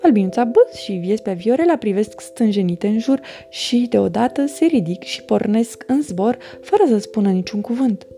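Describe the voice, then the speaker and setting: A woman reading a children's storybook aloud with an expressive, animated delivery. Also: medium pitch, few pauses, a little hiss or hum.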